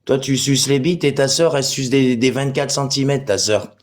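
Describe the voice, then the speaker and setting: Speaking at a normal rate with a mid-range, fairly even voice, this man from Portugal spars with livestream commenters. He's crude and abusive, cursing without restraint as he answers the chat.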